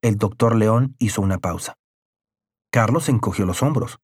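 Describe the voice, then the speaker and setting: A man's voice: fairly low pitch, normal speed, slightly rough, no echo. Man reading a story aloud, dry sound. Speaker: narrator. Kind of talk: scripted story narration.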